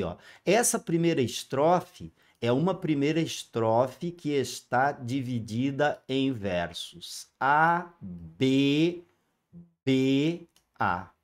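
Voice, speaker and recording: Guy teaching a review class, talks slow, spells out letters one at a time, asks the kids' questions himself. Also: mid-range voice. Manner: lively and informal, voices student questions himself. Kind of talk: exam-review literature lesson.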